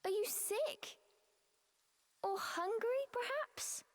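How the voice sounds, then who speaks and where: A woman's voice: very high-pitched, takes it slowly, a little hiss or hum. A woman playing a polite young witch girl in a video game, with prim, formal phrasing. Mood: worried, curious.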